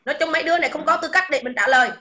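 Woman, Southern Vietnamese accent, high bright voice, quick, dismissive. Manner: dismissive, scornful. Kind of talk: casual livestream chat.

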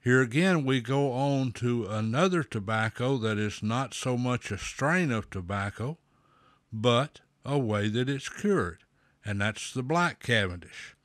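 A man talking slowly with a pipe in his mouth, a folksy host explaining at a measured pace with pauses. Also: mid-range voice, expressive, a bit bright, dry recording, clean studio sound. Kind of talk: slow, deliberate explainer talk.

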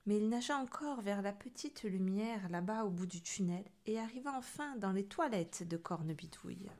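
A woman reading a children's picture book aloud, with an expressive and animated delivery. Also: mid-range voice, normal speed. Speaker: storyteller.

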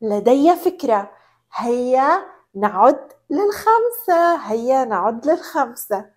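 A young woman presenting to small children, teaching simple words as if reading to a toddler, in an exaggerated, encouraging sing-song with drawn-out repeats. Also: high-pitched, very animated. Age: young adult. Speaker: presenter of a children's learning show. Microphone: clip-on lapel mic.

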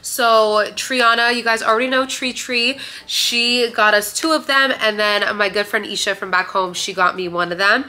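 A woman's voice: a little high, moderate pace, few pauses, bright, forceful tone. A young woman from Romania talking to her viewers in a casual haul video, chatty and gushing, filler words everywhere, recorded in a living room on a camera in front of her. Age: young adult. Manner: gushing, chatty, says "like" a lot. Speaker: vlogger. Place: bright living room indoors.

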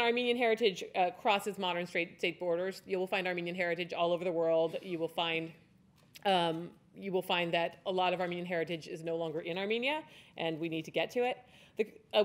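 Speaking into a podium mic on a large hall's stage, an American conference speaker in her forties talks in a chatty, loose style full of fillers and restarts. Her voice is mid-range and a bit bright.

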